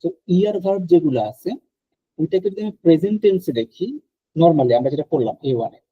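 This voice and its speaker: A man leads an online French class, drilling verb endings aloud at a patient pace. His voice is a little husky and sits somewhat high. The sound is dry and dull, like a lo-fi call line. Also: animated, no echo. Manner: explains slowly, drills conjugations aloud. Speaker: French teacher.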